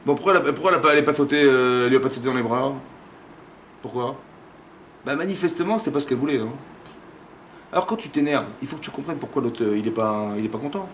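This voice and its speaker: A man, a rabbi, giving a lively Torah class in a community center, casual in phrasing, acting out dialogues and firing rhetorical questions. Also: mid-range voice, quick pace, long pauses, slight background noise. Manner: animated, acts out dialogues, fires rhetorical questions. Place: community center lecture room.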